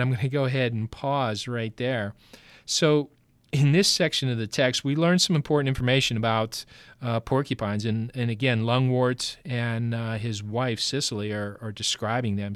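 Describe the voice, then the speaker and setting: A male teacher walks his class through a reading lesson, patient and instructive. He speaks in an everyday middle-pitched voice with plenty of fillers along the way. The recording is dry and close. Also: clear, resonant tone, no room sound.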